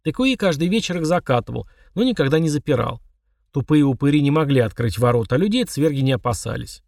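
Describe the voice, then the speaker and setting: A man's voice: mid-range voice, expressive, fast, creaky, darkish tone, no echo. Man narrating a story, dry and distant. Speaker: audiobook narrator. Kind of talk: first-person scripted narration.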